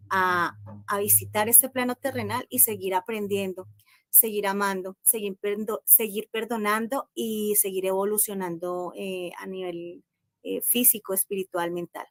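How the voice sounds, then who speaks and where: A Colombian woman speaking as a guest in a live-stream discussion, reflective and measured, with many pauses over a video call. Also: mid-range voice, steady tone, no room sound, clean studio sound. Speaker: panel guest.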